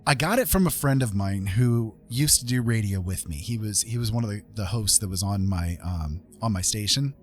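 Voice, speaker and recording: A man with a background in radio hosting chats in a laid-back, rambling way with his stream viewers over music, using a lowish, expressive voice at a moderate pace with few pauses.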